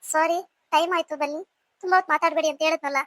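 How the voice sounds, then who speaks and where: A woman's voice: high-pitched, steady tone, racing, fairly bright tone, no room sound, voice pushed down. A woman voicing a hospital doctor in a cartoon, giving firm instructions.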